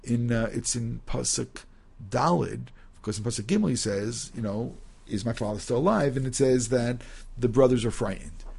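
A man leads a class on religious sources, moving between reading passages aloud and explaining them in his own words. His voice is gravelly and a bit husky. He talks loosely, with frequent restarts and fillers. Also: medium pitch, normal speed, a little mellow. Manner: reads Hebrew sources aloud, then explains, with many restarts and "you know". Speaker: Torah teacher. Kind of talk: text-based class lecture.

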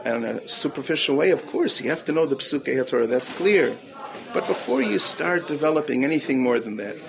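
A man's voice: mid-range voice, creaky. A man teaching as a rabbi, earnest, repeating key phrases for emphasis and mixing Hebrew terms into his English. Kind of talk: Torah talk answering questions.

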